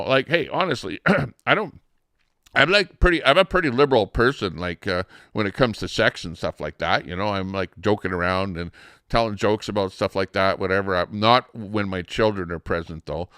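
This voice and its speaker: A man's voice: fairly low pitch, a bit bright, clean tone, no room sound, studio quality. A middle-aged man hosting a livestream, ranting in a rambling, indignant way with lots of fillers and restarts. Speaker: livestream host. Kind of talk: casual ranting commentary.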